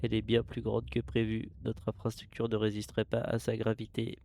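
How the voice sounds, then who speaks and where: A man voicing a spaceship's log in a put-on robot voice, monotone and formal, reading log entries aloud. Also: lowish voice, creaky, over music. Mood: solemn. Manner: monotone, measured, formal delivery. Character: flat robotic voice of a spaceship log, human crew. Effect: robot voice put on by mouth, no filter.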